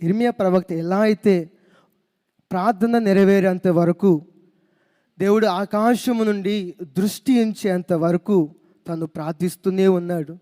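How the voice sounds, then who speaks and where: High-voiced animated preacher. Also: male voice, unhurried, long pauses, in a large hall. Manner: animated storytelling, calls of hallelujah. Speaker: pastor. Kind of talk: sermon.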